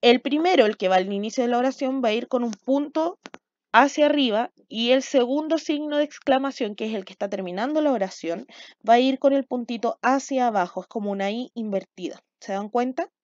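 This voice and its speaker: A woman's voice: on the high side, fairly quick, a little mellow, dry recording. A woman teacher with a Chilean Spanish accent, giving a recorded lesson to young children, patient and often checking that they follow. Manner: patient, checks understanding with frequent "¿ya?". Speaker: primary school teacher. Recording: dull, dry lo-fi home recording.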